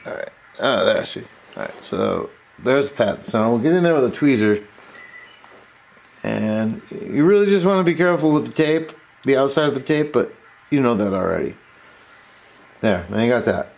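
Speaking in a gravelly mid-range voice at a normal speed with frequent pauses, a man hosts a relaxed repair tutorial from an indoor workbench. He rambles and breaks into his own sentences while demonstrating, with steady background noise audible.

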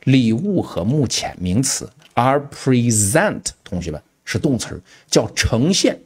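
A man teaching English pronunciation in an online lesson, talking directly to his students in an animated way. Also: medium pitch, unhurried, slightly rough. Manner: animated, keeps addressing the students.

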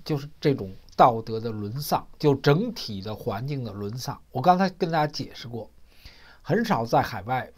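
A man's voice: medium pitch, darkish tone. A man hosting casual political commentary. He tells stories, acts out the dialogue with rising emphasis, and often repeats and restarts his words. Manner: storytelling, acting out quoted dialogue with rising emphasis; frequent repetitions and restarts.

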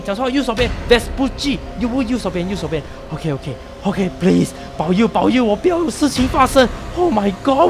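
Jumpy high-voiced male game host. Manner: jumpy, panicky exclamations, sprinkling in English outbursts. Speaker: gameplay host. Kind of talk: excitable game commentary.

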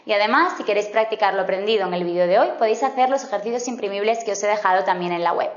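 A woman teaching a grammar lesson, patiently spelling out example words slowly. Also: medium pitch. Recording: roomy, slightly dull sound.

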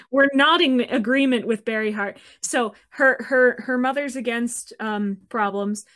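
Woman host, fairly high voice, casual chat, reads passages, laughs a lot. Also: takes it slowly, a bit bright. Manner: reads quotes with small character voices, laughs often. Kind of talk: casual chat, reading book passages aloud.

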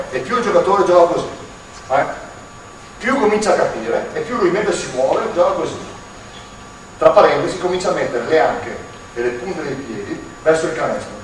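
Male basketball coach, higher voice, explains drills and shouts encouragement, recorded in a gym from a distance. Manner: explains at length, then shouts urging players on. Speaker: basketball coach running a clinic. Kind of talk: on-court coaching clinic. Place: large indoor gym. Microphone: far camera in the stands. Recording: echoey gym from far off, faint noise.

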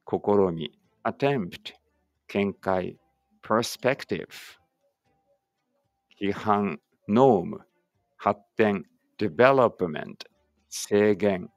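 A male English teacher whose native language is Japanese reads a vocabulary list word by word in a lowish voice, adding casual explanations between items. The drill reading is deliberate with chatty asides, and the recording is dry.

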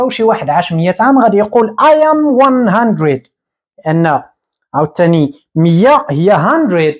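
A man in his thirties with a Moroccan Arabic accent, teaching English at a whiteboard and repeating each word slowly. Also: high-pitched. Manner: explains slowly, repeating words and drawing them out. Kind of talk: whiteboard lesson. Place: small room indoors at a whiteboard.

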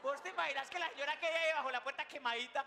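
A man's voice: very high-pitched, rapid-fire. A man hosting a comedy show, delivering a playful, slang-heavy stand-up monologue. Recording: noisy recording.

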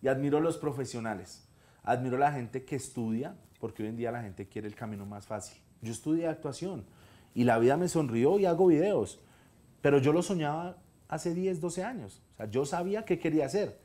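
A man in his thirties with a Colombian accent, a guest telling a personal story on a comedy talk show, animated and earnest, acting out the dialogue he quotes. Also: mid-range voice, fairly quick. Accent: Colombian Spanish.

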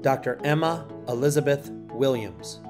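Music runs in the background as a man with a mid-range voice calls the roll of graduates. He's the ceremony's name reader, giving each name a steady, formal announcement.

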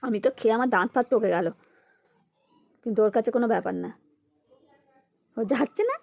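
A woman's voice: fairly high pitch, a little fast, gravelly, darkish tone. A mother filming a casual family vlog at home on a phone, coaxing her toddler in a sing-song way and chatting to viewers.

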